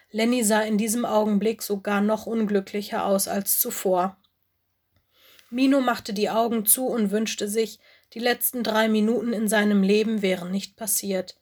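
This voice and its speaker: A woman reading a children's story aloud as narrator, in calm, clear scripted storytelling. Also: medium pitch.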